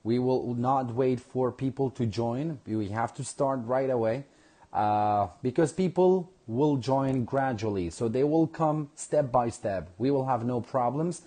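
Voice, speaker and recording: A man's voice: medium pitch, warm tone. Man teaching English live. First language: Kurdish. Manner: slow, drawn-out pronunciation drills with frequent "all right?" checks. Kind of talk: live online English lesson.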